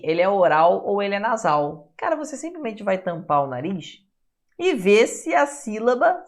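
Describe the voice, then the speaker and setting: A man with a Brazilian accent teaches a lesson to his class, his voice rising and falling all the time. He breaks words into syllables and says each one out loud. He keeps asking his students short questions to check that they are following. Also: high-pitched. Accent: Brazilian Portuguese. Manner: sounds out syllables to demonstrate. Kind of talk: classroom lecture.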